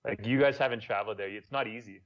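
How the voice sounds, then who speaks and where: A young Montreal man with a French Quebec accent talks fast in a fairly low voice as a guest on a casual podcast. A YouTuber, he tells stories in a laid-back way and swears now and then. The audio sounds dull.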